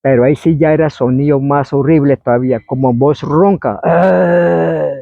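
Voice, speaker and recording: A man, telling an oral history story in a meandering way and acting out shouts and quoted voices. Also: medium pitch, fairly even intonation, a little fast, no room sound. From Colombia. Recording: dry, phone-like narrow sound.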